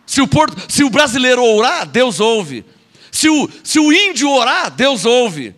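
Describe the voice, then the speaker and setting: A man's voice: extremely high pitch, very animated, unhurried, fairly bright tone. A man with a Brazilian Portuguese accent preaching a sermon as an apostle, scolding and sarcastic, with mocking asides and repeated words.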